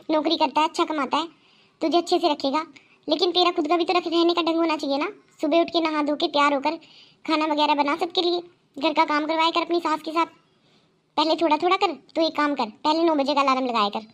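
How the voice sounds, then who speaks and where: A woman's voice: sits high, lightly acted. A woman voicing a firm middle-aged mother in a cartoon, lecturing her daughter at length. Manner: lecturing, scolding. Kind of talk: cartoon voice acting.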